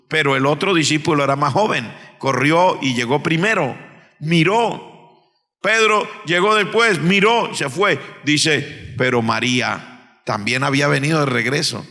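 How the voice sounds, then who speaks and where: A Colombian pastor preaching a sermon in a bright, ringing voice, his pitch sitting on the high side for a man. He drops to near-whispers to tell a story, then climbs to shouted, emphatic preaching. The church hall adds a long reverberant tail. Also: measured pace. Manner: swings between hushed storytelling and shouted preaching. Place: church sanctuary.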